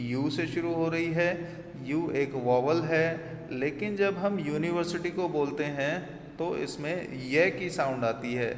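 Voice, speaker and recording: Man, teacher, very slow deliberate delivery, long reverb, faint noise. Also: fairly high pitch. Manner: slow, deliberate explaining with rhetorical questions. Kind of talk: classroom grammar lesson. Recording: echoey room, faint ambient noise.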